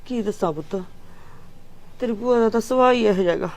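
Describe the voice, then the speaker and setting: A woman's voice: medium pitch, brisk, a little mellow, a little hiss or hum, natural voice. An actress playing a fearful, tearful mother in a Punjabi village drama, speaking plaintively with a Punjabi accent. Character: worried, tearful middle-aged village mother.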